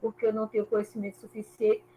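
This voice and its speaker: A woman in a church book club, thinking aloud in an animated way about a passage over a video call. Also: medium pitch, racing, poor audio. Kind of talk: casual group discussion. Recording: faint background noise.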